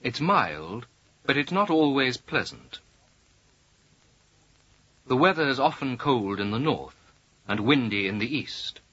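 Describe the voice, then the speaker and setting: A man speaking slowly and carefully in a scripted language-course dialogue. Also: medium pitch, very animated, fairly bright tone, dry recording. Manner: slow, careful, clearly spaced delivery. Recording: dull lo-fi audio.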